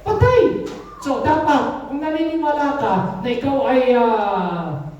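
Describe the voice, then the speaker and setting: Woman pastor preaching in church, high-pitched, roomy and distant. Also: measured pace, darkish tone, muffled recording, slight background noise. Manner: call-and-response, often calling out "Amen". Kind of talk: sermon. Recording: echoey room, mic far off.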